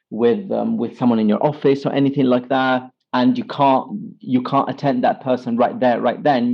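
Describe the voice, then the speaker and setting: A man, an English teacher, patiently explaining example phrases in an interview, with lively emphasis on each one. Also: medium pitch, creaky. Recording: slightly dull lo-fi sound.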